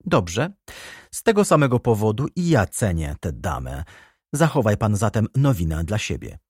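A man reading the part of an ironic, haughty baroness in an audiobook, raised in pitch and teasing. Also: big pitch swings, normal speed, husky, no room sound, studio quality. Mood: uneasy. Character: ironic aristocratic baroness, adult woman, haughty.

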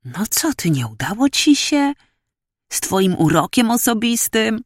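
Female reader doing a brash young male student, mocking and crude, pitched up, for an audiobook. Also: sing-song, unhurried, dry recording, studio quality. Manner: slangy, vulgar, teasing. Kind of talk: audiobook character voice.

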